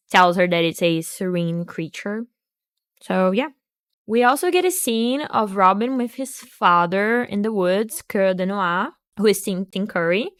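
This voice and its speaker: A woman's voice: mid-range voice, clean tone, dry recording, clean studio sound. A woman hosting a video, giving a casual recap of a film and book with joking asides and restarts. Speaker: video host.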